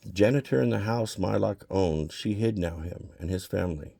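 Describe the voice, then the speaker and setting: A man's voice: sits low, moderate pace, gravelly, mellow. A man reading a graphic novel aloud, telling it in an old man's broken English. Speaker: reader.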